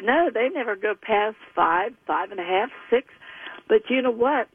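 A woman's voice: a little high, expressive, moderate pace, slightly rough. A woman in her nineties calling in, chatting in a rambling way, heard over a phone line on the radio. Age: 90s. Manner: chatty, rambling baseball talk. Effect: phone call heard over the radio. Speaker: caller. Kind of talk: casual phone chat. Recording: tinny dry phone line.

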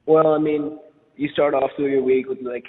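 A young man, a high school athlete, giving a casual, halting interview answer peppered with filler words. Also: steady tone. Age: teens to young adult. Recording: hollow, reverberant, phone-like audio.

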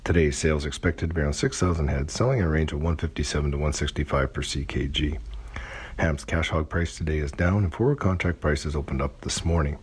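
A man's voice: rumbling low, brisk, husky. A man reading scripted hog prices for a radio farm report.

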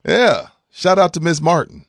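A man's voice: fairly high pitch, expressive, moderate pace, dry recording, studio quality. A man hosting a morning sports talk radio show, casual and opinionated, who repeats points for emphasis and takes listener calls. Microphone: studio mic.

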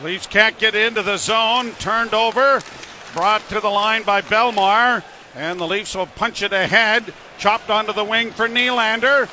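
A man calling live hockey in a rapid running play-by-play as a broadcast commentator. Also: high voice, bright, forceful tone, a little hiss or hum. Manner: rapid running call of the action.

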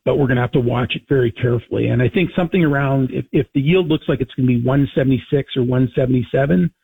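Gravelly male market analyst, halting commentary. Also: medium pitch, no room sound. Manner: halting, hedged explanations. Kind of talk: off-the-cuff interview commentary. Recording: dull band-limited interview clip.

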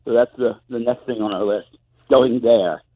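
A man's voice: medium pitch, moderate pace. A man talking over the phone from home in a casual interview, wry and gloomy in a self-mocking way. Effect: heard over the phone. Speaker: guest musician. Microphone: phone, later on speakerphone. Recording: tinny muffled phone line.

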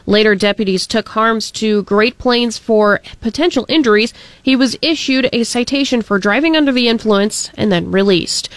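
Higher-voiced woman reading radio news. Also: normal speed, no echo. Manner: steady, clear newsreader delivery. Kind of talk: read news bulletin.

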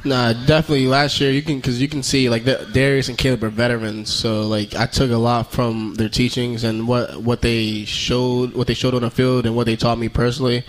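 A young man, a college football player, answers radio interview questions briefly and in a laid-back way. His voice stays flat, with little movement in pitch. A faint restaurant hum sits behind him. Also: a little fast, few pauses, low-quality recording. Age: young adult.

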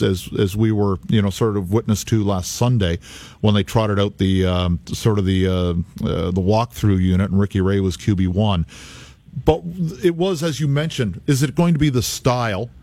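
A male play-by-play broadcaster talks football as a guest, repeating words and restarting his sentences. His voice sits a little low. The sound is dry and close, with no room around it. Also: darkish tone, dry recording. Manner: stammering restarts, eager to agree. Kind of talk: sports talk radio discussion.

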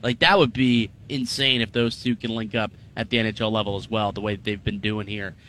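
A man's voice: fairly low pitch, steady tone, brisk, fairly bright tone, slight background noise. A man hosting a sports talk show in a studio, speaking conversationally with emphatic enthusiasm. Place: radio studio.

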